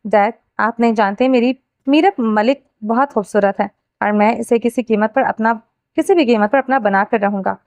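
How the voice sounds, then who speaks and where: A woman's voice: fairly high pitch, a little mellow, dry recording, highs cut off, close to an everyday voice. A woman voicing a brash, stubborn young man who talks in a carefree, teasing way, read aloud from a novel.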